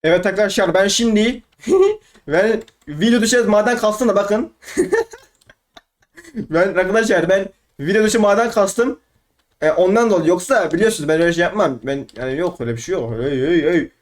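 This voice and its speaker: A young man giving excitable, rambling let's play commentary, trash-talking opponents and talking to himself. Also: high voice, moderate pace. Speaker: gaming YouTuber.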